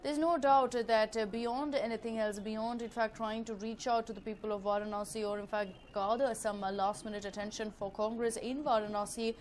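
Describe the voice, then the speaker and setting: A woman with an Indian English accent gives live news commentary as a TV reporter, improvising with frequent hesitant, drawn-out pauses. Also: on the high side, steady tone. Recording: clearly noisy live broadcast ambience.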